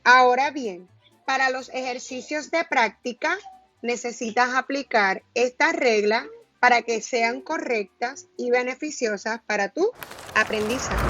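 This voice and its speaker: A woman teacher giving a recorded grammar lesson, stressing each syllable slowly and deliberately. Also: on the high side, fairly bright tone, muffled recording.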